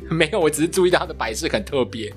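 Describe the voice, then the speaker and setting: A man co-hosting a casual chat podcast, an animated storyteller who acts out what his friends said. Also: a little high, fast, soft background music. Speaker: podcast co-host.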